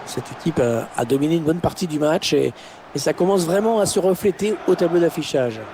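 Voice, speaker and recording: A man commentating on a football match in an excited play-by-play style, his voice rising at chances and goals. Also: fairly high pitch, a little fast, noisy background, close to an everyday voice. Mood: engaged. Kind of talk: excited goal-call sports commentary.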